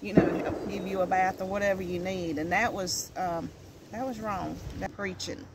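A woman's voice: medium pitch, fairly even intonation, normal speed. A middle-aged woman with an Appalachian accent chatting casually outdoors in a folksy, plain-spoken way. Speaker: co-host. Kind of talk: casual chat. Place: outdoors in a wooded yard. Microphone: camera a few feet away. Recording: noisy outdoor recording.

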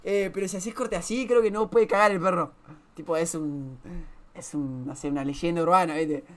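Bright-voiced Rioplatense streamer man. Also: on the high side, fairly even intonation, normal speed. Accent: Rioplatense Spanish. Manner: swears a lot and laughs often. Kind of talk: casual reaction stream commentary.

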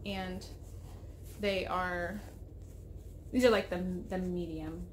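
A woman in her thirties hosts a knitting podcast from her home craft room, chatting casually in a rambling, self-interrupting way with a slightly froggy throat. Her voice is on the low side, slow, and fairly even in intonation. The desk webcam audio is poor, with a little hiss or hum.

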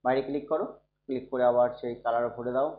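A man who is unwell, teaching a computer lesson slowly and softly, often asking his students if they follow. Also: mid-range voice, fairly even intonation. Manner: slow, soft-spoken, checks in often with students. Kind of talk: screen-recorded computer lesson. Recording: dull, echoey room recording.

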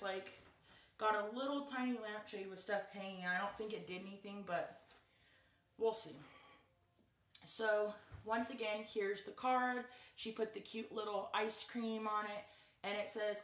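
A young woman chatting to her viewers as she unboxes a package, recorded on a camera set a little away from her in a small, echoey bedroom. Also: mid-range voice. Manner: chatty, addresses viewers directly. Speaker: vlogger. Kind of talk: casual unboxing chat. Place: small guest bedroom indoors. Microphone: camera set up a little far away. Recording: echoey room sound.

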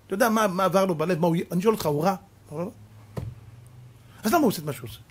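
A man, a rabbi giving a lively sermon full of stories, swinging from soft talk to shouting. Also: sits high, slight background noise. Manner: animated storyteller who swings from soft to shouting.

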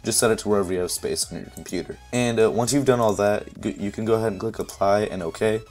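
A man with a hoarse, fading voice casually talking viewers step by step through a software setup at his computer mic. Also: on the low side, fast talker, soft background music. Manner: relaxed, step-by-step, leans on "essentially" and "uh". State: hoarse, voice fading after losing it. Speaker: tutorial youtuber. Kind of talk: casual screen-recording tutorial.

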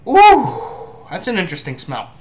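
A young man chats casually to a webcam in a room at home, reviewing food. He speaks in a hesitant, halting way at a middling pitch. Clear noise sits behind his voice. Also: animated. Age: young adult. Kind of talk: casual chat to camera.

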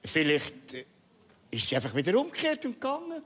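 A man's voice: high voice, huge pitch swings, brisk, a bit bright, breathy edge, full character voice. An older actor with a Swiss German accent playing a stubborn, restless elderly man on stage, emphatic and exasperated, sometimes slipping into Italian. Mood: frustrated. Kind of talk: stage comedy-drama acting. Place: indoor theatre stage. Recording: reverberant theatre stage, faint noise.

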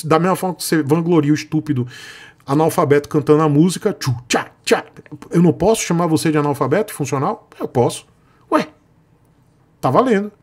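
A man's voice: a little high, fast talker, husky. Blunt, sarcastic Brazilian man. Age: middle-aged. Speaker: vlogger. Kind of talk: ranting explanation.

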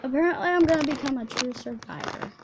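A woman with a fairly high voice talks casually while she plays a video game. She rambles and stumbles over her words, chatting loosely with a friend on a call. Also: expressive, fast, heavy background noise. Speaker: gamer recording a video. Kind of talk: casual chat while playing.

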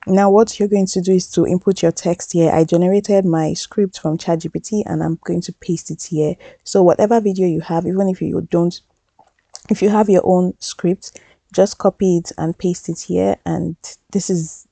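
A woman's voice: fairly low pitch, gravelly, mellow, no echo. A woman hosting a tutorial, talking over a screen recording in a chatty, upbeat, reassuring way and often restarting her phrases. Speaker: tutorial host.

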